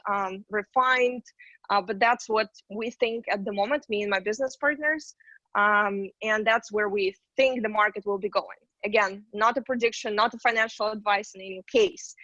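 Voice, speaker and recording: A woman from Ukraine gives an upbeat online talk and fills her sentences with small pauses and fillers. The sound is dull and dry, like a computer mic on a video call. She has a mid-range voice. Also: mid-range voice, sharp tone, no room sound. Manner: chatty, upbeat, many fillers. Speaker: investment banker presenting.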